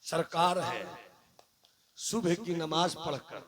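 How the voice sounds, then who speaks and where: A man preaching a sermon to a live gathering, asking the audience questions and building repeated lines up to shouted peaks. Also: fairly high pitch, slow pace. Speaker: Islamic preacher. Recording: live crowd audible behind. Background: audience calling out responses.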